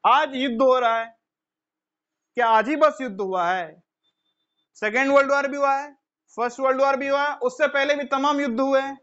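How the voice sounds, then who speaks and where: A man with a strikingly high voice lectures students in an earnest, explanatory way. He keeps asking his listeners questions, then supplies the answers himself, and calls them children. The recording sounds muffled and lo-fi. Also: fairly even intonation, normal speed, pauses often, a bit bright. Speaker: teacher. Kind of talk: motivational classroom lecture. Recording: dull lo-fi recording.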